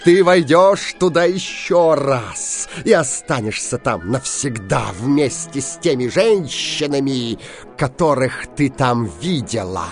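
A man voicing Bluebeard, a cruel, tyrannical husband who bellows slow, drawn-out threats in a storybook tale. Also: lively intonation, soft background music. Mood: furious. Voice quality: booming, shouting, drawn-out threats.

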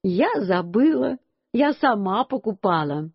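A woman voicing a fretful, excitable young mother in a storybook reading. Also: medium pitch, measured pace, slightly rough, no echo, exaggerated voice. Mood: anxious. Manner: anxious, exclaiming. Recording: dull lo-fi dry recording.

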